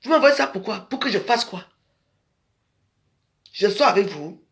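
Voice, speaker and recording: A man's voice: sits high, lively intonation, unhurried, a bit bright. A man delivering a scolding, rambling monologue to his social media followers in a confrontational way. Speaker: social media video maker.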